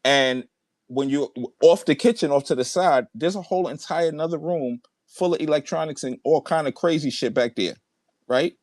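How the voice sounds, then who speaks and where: A combative man in a heated online debate, voice sitting a touch high. He presses his points hard, repeats himself and swears freely. The sound is dry and close, with almost no room echo. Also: moderate pace, darkish tone. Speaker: debate participant. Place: large room at home.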